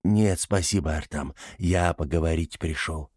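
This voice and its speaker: A gloomy, deferential old tribesman played by a male audiobook narrator. He speaks in a very low, dark voice, subdued and hesitant, with a mournful, bashful manner. The sound is close and dry. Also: measured pace, breathy edge, no echo, heavily acted. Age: older.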